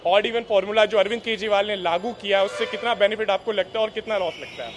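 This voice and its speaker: A male reporter giving a hurried live report from a busy market street, repeating his phrases. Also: high voice, noisy background. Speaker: field reporter.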